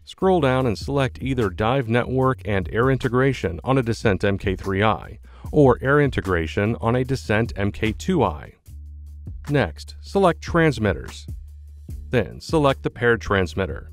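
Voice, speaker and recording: A man's voice: medium pitch, big pitch swings, unhurried. Man narrating a tutorial over music. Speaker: product support narrator. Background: background music.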